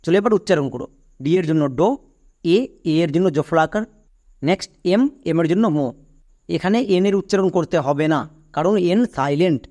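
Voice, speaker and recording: A man's voice: a little high, fairly quick, a little mellow. A man teaching English phonics step by step, patiently asking questions and answering them himself. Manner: patient, asks and answers his own questions. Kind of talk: step-by-step classroom explanation.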